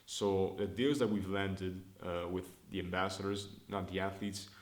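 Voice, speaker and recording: Here a young French-speaking entrepreneur from Montreal, in his early twenties, records a casual business vlog update on his own camera. His fairly low voice keeps a steady tone at normal speed, upbeat and chatty, as he reasons aloud and restarts his sentences. The indoor room leaves a noticeable echo.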